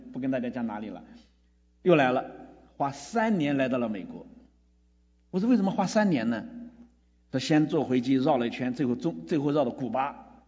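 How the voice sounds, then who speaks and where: A man's voice: mid-range voice, a little mellow, husky. A pastor preaching a sermon, telling a story with quoted dialogue and building to emphatic appeals to his congregation. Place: church hall. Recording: dull lo-fi recording in a reverberant hall.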